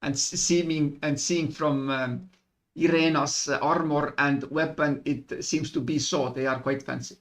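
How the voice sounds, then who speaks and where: A man's voice: fairly high pitch, steady tone, unhurried. A man playing a tabletop game over voice chat, hesitant and weighing his options aloud. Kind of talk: casual in-character debate over voice chat.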